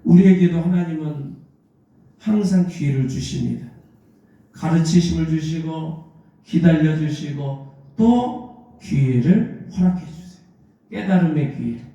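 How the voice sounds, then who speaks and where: A man's voice: a little high, measured pace, vocal fry, long pauses, mellow, dull audio. A male pastor preaching a Sunday sermon in a church, telling the story and acting out the lines of the figures in it. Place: church sanctuary. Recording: echoey church hall.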